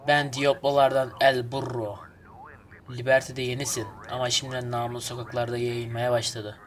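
Gang boss from a game, measured and calm, read by a gamer guy. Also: medium pitch, lightly acted. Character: male street gang boss, calm and businesslike.

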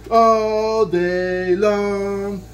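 Very slowly and with little pitch movement, a man in his thirties sings a children's song from a book to his child, his voice sitting high. Soft music plays behind him. Lying on a bed in a bedroom, he stays playful and sing-song and draws out line endings, recorded by a camera a few feet away.

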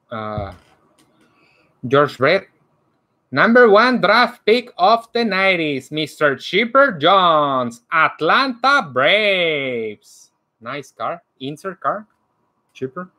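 A man hosting a card break, announcing each card by player and team in a slow, animated way. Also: on the high side. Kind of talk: calling out cards during a live card break. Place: indoor room lined with card displays.

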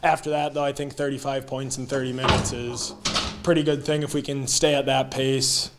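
A young man speaks as a college basketball player in a postgame interview. His voice stays flat and even, and he answers in plain, steady sentences. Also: mid-range voice, normal speed, heavy background noise. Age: young adult.

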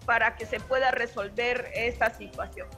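A woman's voice: on the high side, steady tone, normal speed, bright, forceful tone, faint music behind. A middle-aged woman, a school principal, answering a reporter outdoors, earnest and pleading with some hesitation. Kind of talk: interview answers. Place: outdoors on a street. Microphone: reporter's handheld microphone.

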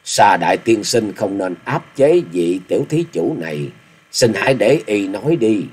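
A man voicing a calm old male Buddhist master with a measured, mediating manner. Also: fairly low pitch, breathy edge.

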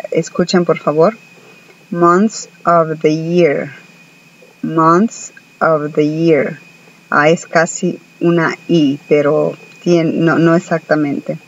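A man with a Mexican Spanish accent teaching English, speaking slowly and carefully, repeating words for pronunciation with many filler sounds. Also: a little high, muffled recording. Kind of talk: slow spoken language lesson.

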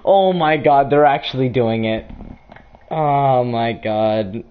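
A man chatting and shouting with friends during an online game, laughing often and getting exasperated. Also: mid-range voice, slow pace, clear, resonant tone. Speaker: gaming channel host. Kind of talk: casual gaming chat with friends. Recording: dull lo-fi voice chat.

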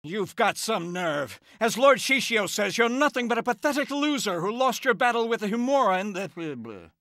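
A man's voice: high-pitched, big pitch swings, moderate pace, pushed and bright, no room sound, studio quality, heavily acted. A man voicing a scornful, boastful young male henchman in an ad-libbed dub outtake. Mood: sneering.

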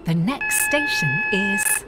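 A woman delivers recorded onboard train announcements, unhurried and formal. Her intonation rises and falls widely over each phrase. The pitch sits in an ordinary middle range. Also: faint music behind. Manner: calm, measured, formal announcing.

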